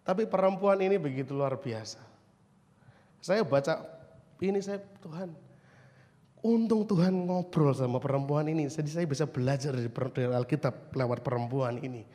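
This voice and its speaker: A man, preaching a youth sermon in a lively way, often asking the congregation questions and acting out quoted voices. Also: medium pitch, normal speed. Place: church hall. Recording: long hall reverb.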